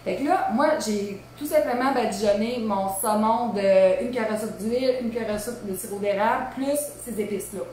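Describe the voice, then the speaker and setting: A woman's voice: a little high, moderate pace, hardly any pauses, a little mellow. A woman in her thirties with a Québécois accent, hosting a casual live cooking demo from her home kitchen, chatty and informal with many asides. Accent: Québécois French. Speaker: cooking show host. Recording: very echoey room, faint hum.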